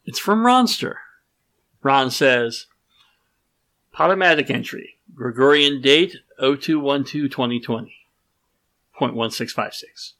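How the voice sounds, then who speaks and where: A man co-hosting a casual podcast, reading listener questions and chatting with animated, exasperated reactions. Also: mid-range voice, slow, long pauses. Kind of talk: casual chat.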